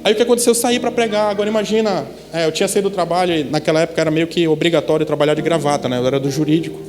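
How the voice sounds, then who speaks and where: A man's voice: fairly high pitch, fairly even intonation, rapid-fire, big-room sound. A man preaching a testimony sermon, telling a story and asking the congregation frequent rhetorical questions. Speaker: pastor. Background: background instrumental music.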